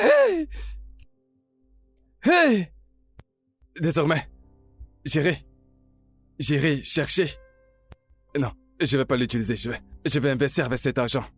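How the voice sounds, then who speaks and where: A man dubbing an excitable young man who shouts with glee over money and stammers in repeats, for a French film dub. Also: medium pitch, no echo. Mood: gleeful. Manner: loud, exclaiming, stammering repeats. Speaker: dubbing actor.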